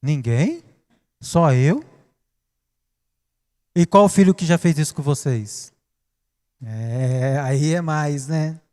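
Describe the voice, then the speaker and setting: High-voiced dramatic Brazilian preacher. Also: male voice, slow, pauses often. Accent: Brazilian Portuguese. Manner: dramatic, swinging between hushed and loud. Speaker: pastor. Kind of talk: sermon. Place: church. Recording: reverberant church hall.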